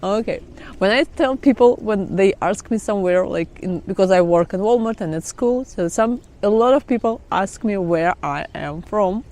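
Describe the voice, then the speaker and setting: Speaking at normal speed with lively intonation, this Kazakh vlogger has a medium-pitched, slightly mellow voice. The middle-aged woman talks casually in Russian-accented, non-native phrasing, laughing frequently as she films outdoors by trees in melting ice.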